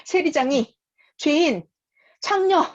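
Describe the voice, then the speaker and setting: A woman's voice: high-pitched, expressive, takes it slowly, dull audio. A woman teaching through a Bible passage, reading verses and asking her listeners rhetorical questions.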